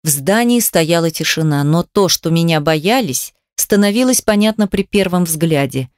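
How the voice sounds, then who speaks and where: A woman reading a novel aloud in first person, in a steady, measured way. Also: on the low side, no echo, clean studio sound. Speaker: audiobook reader.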